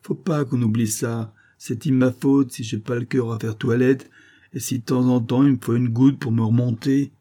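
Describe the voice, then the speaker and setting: Un homme qui interprète un vieil ouvrier pleurnichard et apitoyé sur lui-même, dans un livre audio. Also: male voice, medium pitch, fairly even intonation, moderate pace, dark tone, voice pushed up, natural voice. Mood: plaintif. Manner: plaintive, tearful. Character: old male workman, whining and self-pitying.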